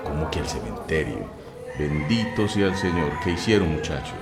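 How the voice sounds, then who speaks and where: Man playing a deep-voiced, stern Colombian priest. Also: very animated, moderate pace, heavily acted. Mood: scolding, alarmed. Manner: scolding, solemn. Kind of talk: audio horror drama acting. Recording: loud music under the voice.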